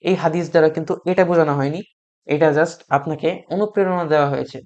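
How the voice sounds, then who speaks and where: A man teaching beginners to read Arabic letters, patient and repeating each sound slowly for learners to copy, with frequent hesitant fillers. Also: a little high, a little mellow, muffled recording. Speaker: Quran reading teacher.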